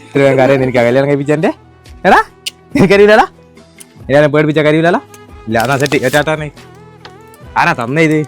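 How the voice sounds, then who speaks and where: A man's voice: fairly high pitch, expressive, soft background music. A young man, teasing his family playfully during a birthday surprise video. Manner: teasing, playful, quick-talking. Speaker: prankster video host.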